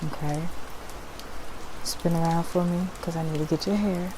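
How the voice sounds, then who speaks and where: Acting as a spiritual cleansing guide in ASMR roleplay, a woman gives soothing instructions and frequently checks in on the listener. Her lowish voice stays fairly even in intonation at a normal speed, with background noise present.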